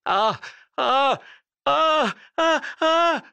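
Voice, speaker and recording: A man's voice: mid-range voice, very animated, moderate pace, fairly bright tone, husky, dry recording. A man voicing a kind, courteous old man who turns terrified, speaking politely and then gasping in fright.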